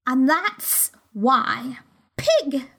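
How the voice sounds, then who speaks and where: A woman reading a storybook voices a rude, short-tempered noblewoman with a hoarse, growling manner. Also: high voice, very animated, extremely slow, fairly bright tone, full character voice. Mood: curt. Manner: blunt and curt.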